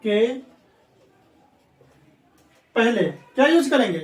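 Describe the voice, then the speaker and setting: Speaking at normal speed with big swings in his extremely high pitch, a man lectures on English grammar for competitive exam prep. The mic is distant and the room echoes. He repeatedly questions his class and answers each question himself.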